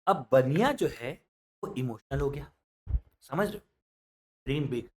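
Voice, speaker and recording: A male maths teacher teaching through a story, switching between quiet asides and loud outbursts. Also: mid-range voice, animated, unhurried, slight background noise. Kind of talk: storytelling lesson.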